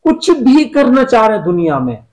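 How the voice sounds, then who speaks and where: A man's voice: very high voice, wildly swooping pitch, moderate pace, darkish tone, low-quality recording. A man, a business coach, giving motivational advice in an interview and repeating key phrases as he instructs.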